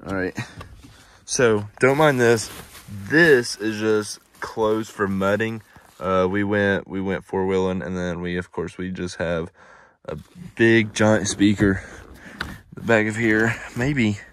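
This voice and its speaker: A young man, vlogging casually from inside his pickup truck, rambling with lots of fillers. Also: on the low side. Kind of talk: casual vlog narration.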